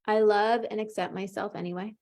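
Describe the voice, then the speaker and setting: Speaking fairly quickly in a mid-range voice, a woman EFT coach guides a client through emotional tapping. She names each tapping point and supplies brief phrases to repeat back, remaining calm and encouraging the whole time.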